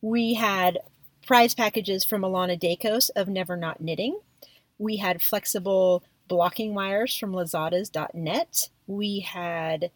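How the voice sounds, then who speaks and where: A woman's voice: mid-range voice, no room sound, far from the mic. A woman co-hosting a podcast, talking casually and effusively as she reads from a list, with computer mouse clicks behind her. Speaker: podcast co-host.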